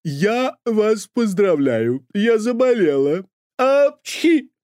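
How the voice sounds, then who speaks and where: A prim, fussy old nanny, as a male narrator puts her on in a storybook reading. She speaks shrilly and loudly, stretching her words in a high voice. The sound is close and dry. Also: very animated, no room sound, exaggerated voice. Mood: insistent. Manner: shrill, loud, drawn-out words.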